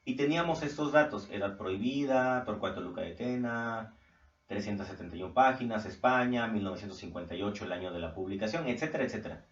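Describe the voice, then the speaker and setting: A man's voice: lowish voice, quick pace. Male teacher in an echoey room. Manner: patient, keeps checking in with "¿sale?". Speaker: Spanish teacher. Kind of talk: recorded online class over slides. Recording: echoey room, far from mic, dull lo-fi sound.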